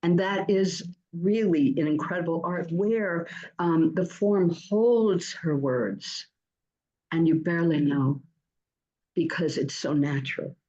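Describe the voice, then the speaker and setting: A woman hosting an online poetry reading, introducing the featured poet with effusive praise and many halting fillers. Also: fairly low pitch, warm tone, dull audio. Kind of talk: warm spoken introduction, reading quotes aloud.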